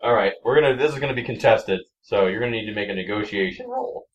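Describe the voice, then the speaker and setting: A man's voice: lowish voice, fast talker. A man narrating and explaining rules as game master of a tabletop game. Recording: distant mic.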